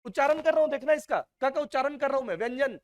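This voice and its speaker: A man's voice: extremely high pitch, fast. A male teacher giving a classroom lecture, quizzing his students and repeating key terms.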